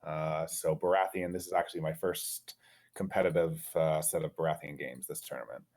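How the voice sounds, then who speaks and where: A man answering in a relaxed, measured way. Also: rumbling low. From Ontario, Canada.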